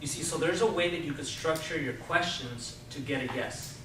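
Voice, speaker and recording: A man's voice: on the high side, moderate pace. A man giving an informal, persuasive sales presentation to a group, explaining his points directly to the listeners. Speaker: Toastmasters club speaker giving a sales talk. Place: indoor club meeting room with a live group. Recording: distant mic, very echoey room, clear noise.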